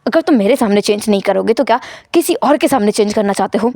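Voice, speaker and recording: A stern, possessive husband who gives short, flat orders in a lowered voice, as a woman puts him on. The recording is dry and close. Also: fast talker, no room sound, lightly acted. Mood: cold. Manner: curt, flat, commanding. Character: cold, possessive, commanding young husband.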